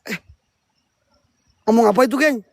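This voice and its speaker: High-voiced man calling out. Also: normal speed, dry recording, clean studio sound. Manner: loud excitable calling out, slangy banter with the crew. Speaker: ghost-hunting vlogger. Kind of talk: casual night-time ghost-hunt vlog. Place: forest at night, outdoors.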